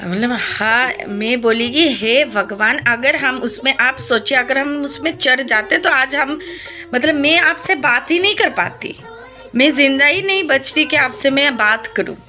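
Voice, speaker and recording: A woman vlogger telling her viewers a personal story, slowly and hesitantly, with many pauses, filler sounds and English words mixed in. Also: sits high, pushed and bright. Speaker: devotional vlogger.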